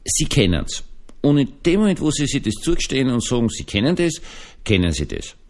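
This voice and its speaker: A man's voice: medium pitch, sing-song, brisk, darkish tone. A male Protestant pastor with an Austrian German accent, talking casually and folksily to his online listeners, just back on his feet after being ill. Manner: chatty, rambling, folksy, addresses listeners directly. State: recovering from illness. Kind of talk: casual spoken podcast reflection.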